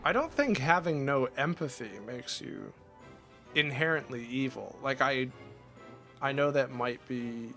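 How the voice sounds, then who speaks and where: A male streamer talks casually while playing a game, rambling and restarting his thoughts often. His voice is bright and a bit sharp at a middle pitch. Faint game music plays behind him. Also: expressive, unhurried. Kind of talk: casual chat while gaming.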